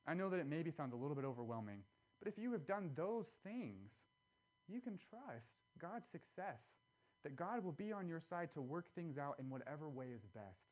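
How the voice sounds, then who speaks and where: A man preaching a sermon in a church, conversational and earnest, with animated asides. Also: fairly high pitch, normal speed. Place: church sanctuary.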